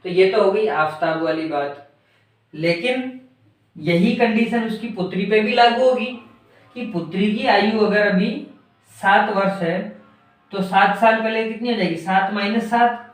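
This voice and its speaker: A man's voice: sits high, unhurried. A man teaching a maths lesson, who keeps asking his class questions and answers them himself. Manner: asks and answers his own questions, repeats key words. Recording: very echoey room, voice far from mic.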